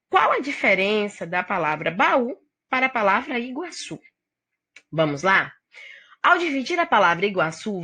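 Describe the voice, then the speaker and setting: Bright-voiced Brazilian woman teaching a lesson. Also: medium pitch. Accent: Brazilian Portuguese. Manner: patient, explanatory, addresses the student directly. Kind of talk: recorded classroom lesson.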